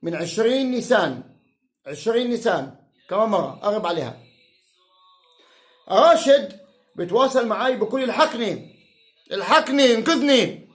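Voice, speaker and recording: A man's voice: high-pitched, very animated, moderate pace, pauses often, reverberant. A man with a Palestinian Arabic accent delivers an angry, heated, profane rant to camera, mocking and insulting those he argues against. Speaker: self-styled political commentator.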